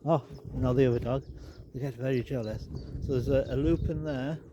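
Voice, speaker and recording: Walking his outdoor garden with a phone in hand, a man with a blocked-up, nasal mid-range voice talks at a moderate pace over background noise. It's a casual walk-and-talk vlog, chatty and meandering, with laid-back asides.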